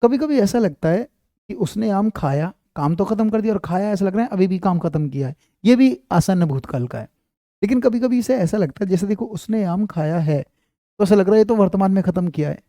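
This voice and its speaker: A man teaching Hindi grammar in an online class, slowly repeating example sentences and speaking into a clip-on mic. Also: sits high, lively intonation, dark tone, no echo, clean studio sound.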